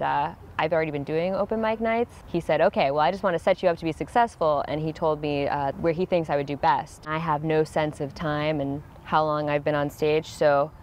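A woman's voice: deep voice, slight background noise. A woman in her thirties, a comedy student, chatting in an interview outdoors in a casual, slightly nervous, self-deprecating way. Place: outdoors on a bench beside a sidewalk.

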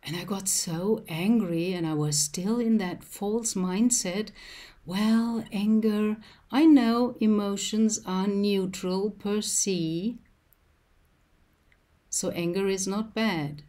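A woman speaking as a spiritual medium, unhurried and reflective as she tells her own stories. She talks at a slow, even pace at a middle pitch, with small hesitations and fillers along the way. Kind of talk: reflective personal storytelling.

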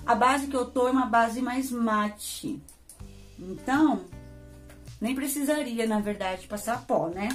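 A Brazilian woman talks her viewers through a makeup product in a loose, chatty way, a bit higher in pitch than most women. Faint music plays behind her voice. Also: slow pace. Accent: Brazilian Portuguese. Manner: chatty, addresses viewers as gente. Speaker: beauty vlogger. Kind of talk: casual product review.

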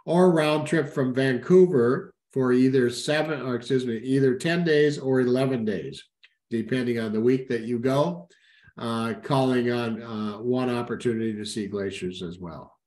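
A man's voice: medium pitch, moderate pace, a little mellow. Middle-aged man presenting a webinar, roomy sound. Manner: informal, frequent "uh" fillers and self-corrections. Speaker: cruise line sales representative. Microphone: webcam at a desk, video call.

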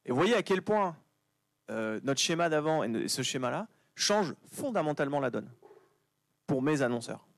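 A man giving a lively conference talk, chatty and joking with the audience. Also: fairly high pitch, normal speed, creaky, no echo. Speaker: conference speaker. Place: conference venue.

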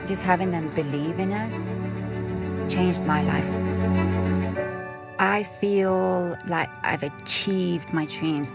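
A woman's voice: lowish voice, slow pace, vocal fry, pauses often. A woman from Syria with a British accent, a food company founder, narrating her story in a heartfelt, reflective way. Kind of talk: documentary-style narration. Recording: video with loud music behind. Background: loud music.

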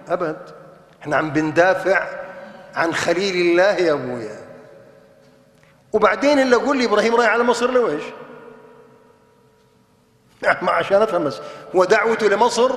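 A man with a Levantine Arabic accent giving a televised religious lecture, emphatic and argumentative, firing off rhetorical questions. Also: high voice. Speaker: religious scholar presenting a TV program. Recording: echoey hall with long reverb.

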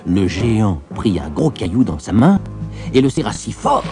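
A man narrating a storybook tale in an expressive, lilting way. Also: fairly low pitch, moderate pace, music in the background.

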